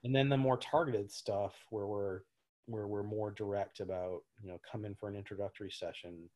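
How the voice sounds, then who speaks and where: Low-voiced guy chatting in an interview, rambles a lot, um and like everywhere. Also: fairly even intonation, moderate pace, darkish tone. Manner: rambling, many fillers and restarts. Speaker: gym owner, guest. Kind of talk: casual interview talk.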